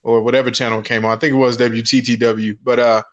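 A man co-hosting a podcast in casual chat, agreeable and quick to laugh. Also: mid-range voice. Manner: lively, laughs easily, agreeable. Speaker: podcast co-host.

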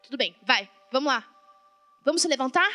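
Preaching in a reverberant hall with faint background music, a woman with a Brazilian Portuguese accent keeps questioning her congregation, her sermon full of fervent, colloquial energy. She speaks at a normal speed in a slightly high, animated voice.

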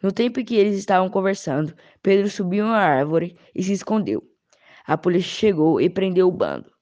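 A woman reading an adventure story aloud in a steady voice. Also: on the low side, a little fast. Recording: dull lo-fi recording.

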